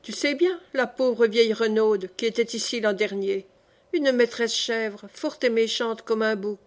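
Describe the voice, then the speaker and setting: A worried, good-hearted goat farmer, as a woman reads him in a storybook voice that sits fairly high. He frets, coaxes and scolds in anxious bursts, and his voice stays close to the reader's own. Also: unhurried, close to an everyday voice. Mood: coaxing. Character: fretful, kindly male goat farmer. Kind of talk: audiobook reading.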